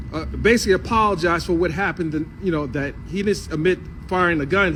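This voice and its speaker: A man's voice: fairly high pitch, slight background noise. A man giving a casual spoken report on a trial, hesitant and correcting himself.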